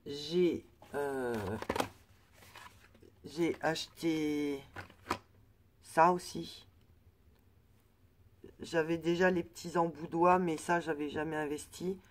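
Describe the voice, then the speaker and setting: Woman doing a chill craft haul vlog, talks real slow, lots of umms and restarts. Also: deep voice, fairly even intonation, slight background noise. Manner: hesitant, many fillers and restarts. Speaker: crafting vlogger. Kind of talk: casual product haul chat.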